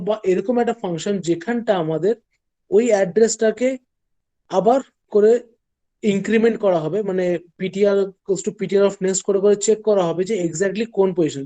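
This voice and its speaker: A man lecturing a class, stepping slowly through an algorithm and checking that the students follow. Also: sits high, warm tone.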